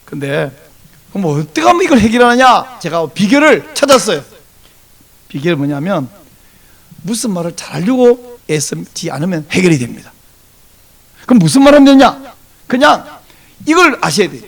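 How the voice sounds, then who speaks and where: A man's voice: sits high, normal speed, vocal fry, pauses often. A male pastor giving a Sunday sermon, telling stories animatedly and acting out bits of dialogue in different voices. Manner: animated storytelling, acts out dialogue in varied voices.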